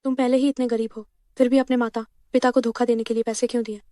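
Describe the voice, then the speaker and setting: A woman's voice: a little high, level tone, fast, dry recording, clean studio sound, natural voice. A woman dubbing a cheerful, talkative young woman who poses as a girlfriend. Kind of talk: dubbed drama acting. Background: soft background music.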